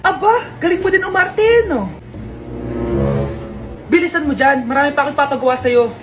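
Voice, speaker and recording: A woman performing short comedy sketches, switching lively between several everyday characters. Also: high voice, moderate pace. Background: background music.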